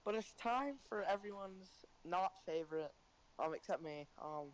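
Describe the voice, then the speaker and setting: A man's voice: high-pitched, normal speed, low-quality recording. A man co-hosting a casual podcast, laid-back and filling his talk with likes and yeahs. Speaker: podcast co-host.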